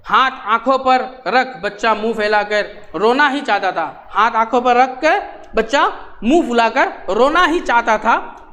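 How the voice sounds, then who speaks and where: A male teacher reads a story from a textbook, pausing to gloss each phrase and repeating lines, with frequent light laughter. His voice is extremely high-pitched and sharp.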